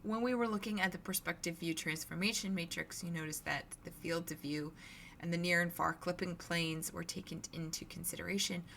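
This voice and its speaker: A woman instructor giving a recorded lecture, explaining in a relaxed, conversational way, her voice scratchy and hoarse. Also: lowish voice. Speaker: university instructor.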